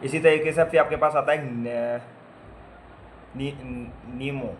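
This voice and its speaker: A man with a medium-pitched, fairly even voice speaks slowly in a casual classroom lecture, with slight hiss or hum in the recording. He teaches nursing students basic medical terms, spelling out and repeating word parts and quizzing them with playful asides.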